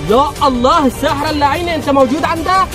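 A man playing a father in a family skit, talking in excited, exclamatory bursts and constantly urging haste. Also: very high-pitched, racing, music in the background. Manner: breathless, exclamatory, keeps urging speed. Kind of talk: excited acted vlog narration.

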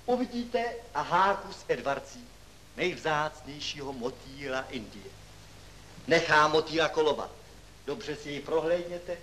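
A man's voice: a little high, a little hiss or hum, natural voice, poor audio. An actor playing a kindly but strict male schoolteacher who scolds his pupils, on an old film soundtrack. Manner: stern, scolding, then gentle.

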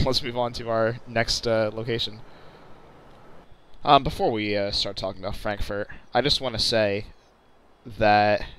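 Host, male, low-ish register, bright forward tone; relaxed gameplay commentary, self-corrects often. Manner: chatty, self-correcting, jokey asides. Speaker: channel host. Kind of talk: casual commentary over flight-sim gameplay.

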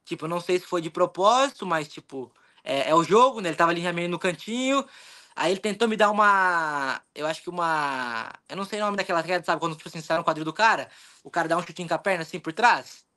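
A young man with a Brazilian Portuguese accent, telling his story in an animated, rambling way in a casual interview, acting out his own thoughts. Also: high voice, quick pace. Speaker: jiu-jitsu athlete, interview guest.

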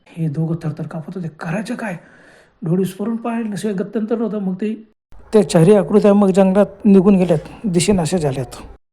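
A man's voice: sits high, a little fast, warm tone. A man narrating a horror story in a dramatic way, often exclaiming in fright.

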